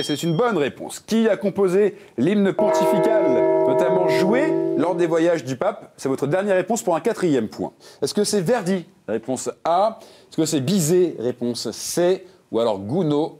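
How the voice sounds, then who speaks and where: A jokey quiz-show host whose pitch swings up and down as he reads each question. He sits a little high for a man and keeps things light, slipping puns between the answer options. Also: sing-song, moderate pace, loud music behind the voice. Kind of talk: game show hosting with puns.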